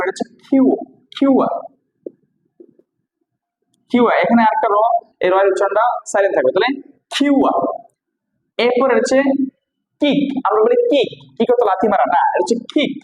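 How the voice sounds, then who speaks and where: A man with a Bangladeshi accent teaching English pronunciation, repeating each word slowly and quizzing the listener. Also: very high-pitched, roomy sound, lo-fi sound. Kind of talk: spoken classroom lesson.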